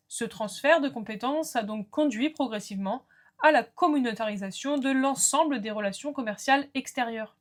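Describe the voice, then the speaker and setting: Female lecturer, slightly high voice, clear explanations, asides to students. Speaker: law lecturer. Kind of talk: recorded lecture.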